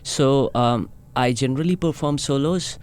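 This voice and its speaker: A man from India, a sitar player, talking in a radio interview in a measured, hesitant way with many fillers. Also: mid-range voice, a little mellow, clean tone. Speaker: sitar player, guest musician. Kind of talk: casual interview talk.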